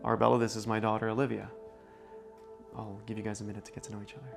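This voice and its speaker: A man's voice: fairly low pitch, flat delivery, rapid-fire, vocal fry. An actor playing a young father with a casual, informal way of talking in a naturalistic drama. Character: casual father introducing his new girlfriend to daughter. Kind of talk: naturalistic scripted drama acting. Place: indoors in an apartment. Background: background music.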